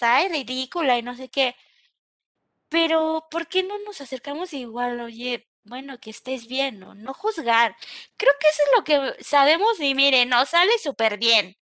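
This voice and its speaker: A young adult woman with a Mexican accent teaching an online class in a lively, chatty way, often checking in with her listeners. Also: high voice, dry recording.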